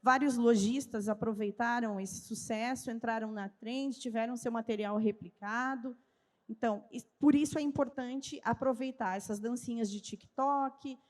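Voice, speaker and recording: A woman with a southern Brazilian gaúcho accent speaks at a trade fair, her voice on the high side and a little mellow. She gives a didactic talk in a large event hall before a live audience, posing questions and answering them herself. The recording carries a long hall reverb.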